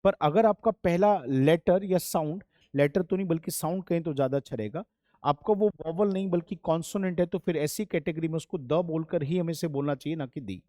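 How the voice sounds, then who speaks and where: This is a grammar lesson in English, delivered by a man with a mellow, slightly high voice who talks fairly quickly. Patient and repetitive, he speaks to his students as children, using "beta" and "bachhon." The recording is dry and has a clean studio sound.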